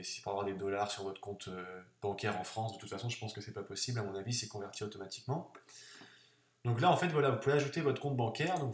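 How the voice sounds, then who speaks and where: A man hosting a casual screen-recorded tutorial, talking it through in a chatty way, with many fillers and restarts. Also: mid-range voice. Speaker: online tutorial host. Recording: echoey room.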